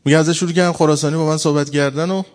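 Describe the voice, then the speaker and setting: A man's voice: a little high, fairly even intonation. Man preaching, storytelling sermon. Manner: acts out quoted dialogue, rising to emphatic bursts.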